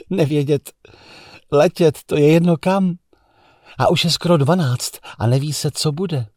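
A man's voice: a little high, darkish tone, husky, dry recording, clean studio sound, pitched above the performer's own voice. A man voicing a dreamy, wistful young woman. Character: dreamy bold young woman in love with the narrator.

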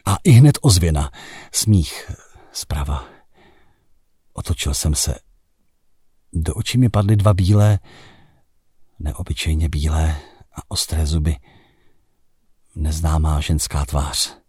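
Man, first-person story narration, measured and dramatic, low voice, dry close sound. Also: husky, no room sound. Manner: dramatic, rising to shouts in heated passages; measured, reflective delivery. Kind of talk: first-person literary reading.

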